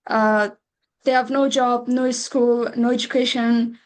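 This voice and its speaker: A young woman from Afghanistan talks over a video call. She speaks slowly and haltingly, with frequent pauses. Her voice sits fairly high and stays flat. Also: rough recording. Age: young adult. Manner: slow and halting, many uh pauses. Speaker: webinar participant. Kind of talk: personal testimony on a video call.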